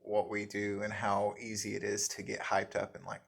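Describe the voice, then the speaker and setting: A man with an Appalachian accent chatting casually in a folksy, halting, self-deprecating way, as the host of a guitar vlog. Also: fairly low pitch, completely flat delivery, creaky, slightly rough. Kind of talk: casual rambling chat.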